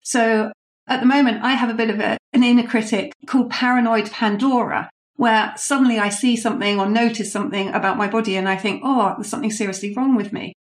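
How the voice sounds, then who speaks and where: A woman's voice: a little high, steady tone, fairly quick. A woman, a leadership coach answering interview questions in an explanatory way and sharing anecdotes.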